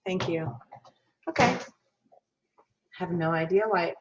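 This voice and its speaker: This guest lecturer, a Minnesota music professor, speaks slowly in a lowish, gravelly voice while teaching diction online and demonstrating vowel sounds. Background noise is audible. The call audio sounds dull and lo-fi.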